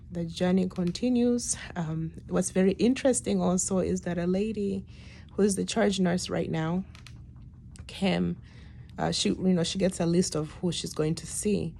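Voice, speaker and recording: Woman in her late 30s, weak and tired after surgery, mellow creaky voice, hesitant reflective diary talk, noticeable room noise. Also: on the low side. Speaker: patient giving a personal health update. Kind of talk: casual video diary. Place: hospital room.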